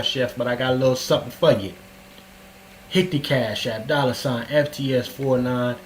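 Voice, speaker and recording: A man hosting a casual livestream, hyped and calling out to his audience, his voice carrying a heavy echo like in a cave. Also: mid-range voice. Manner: hyped, repeats phrases, calls to the audience. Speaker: livestream show host. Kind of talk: casual livestream talk with shout-outs. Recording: echoey livestream audio with faint hum.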